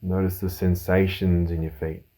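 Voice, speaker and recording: Speaking as a mindfulness teacher, a deep-voiced man takes listeners through a meditation, pausing often as he gives gentle, unhurried, calming directions.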